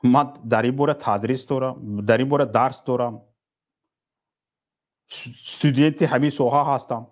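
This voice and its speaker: A man's voice: mid-range voice, fairly even intonation, pauses often. A man hosting a call-in talk show who speaks sternly and rebukes his critics.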